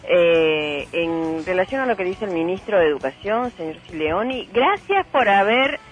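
A woman's voice: on the low side, expressive, moderate pace, soft background music. Female caller, hesitant and polite, radio message. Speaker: listener caller. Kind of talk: recorded listener message.

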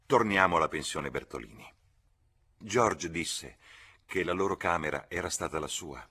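A man reading a novel aloud, measured and expressive. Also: low-pitched, slightly rough. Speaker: audiobook reader. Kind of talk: literary reading.

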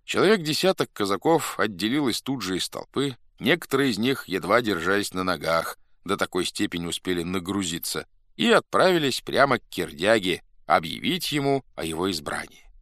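A man narrating a classic story in an expressive, theatrical reading. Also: sits low, a little fast, no echo, studio quality. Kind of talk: scripted audiobook narration.

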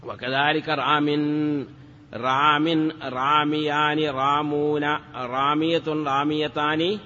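Man, grammar lesson, chanting word forms, rhetorical questions, slightly high voice, dull recording. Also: little pitch movement, slow, bright, forceful tone. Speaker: teacher of Arabic morphology. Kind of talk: classroom lesson. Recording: dull lo-fi sound with long reverb.

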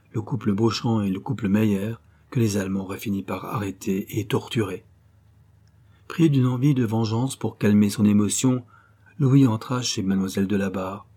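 A man narrating an audiobook in a measured, grave storytelling manner. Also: lowish voice, warm tone, slightly rough. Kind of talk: scripted narration.

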